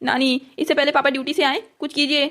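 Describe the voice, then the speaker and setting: Woman playing an upset, rapid-talking teenage boy. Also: sits high, level tone, fairly bright tone. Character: upset teenage son, hurt and pleading. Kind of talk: cartoon story dubbing.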